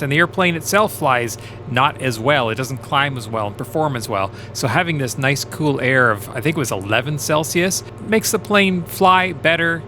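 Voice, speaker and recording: Bright-voiced male pilot narrating. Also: mid-range voice, a little hiss or hum. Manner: relaxed, explanatory. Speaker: private pilot. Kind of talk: casual vlog voice-over narration.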